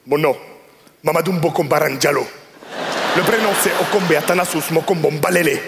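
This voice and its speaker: A man's voice: a little high, a little fast, heavy background noise, lightly acted. A man voicing a pushy, proud adult male customer who talks in an insistent, lecturing way.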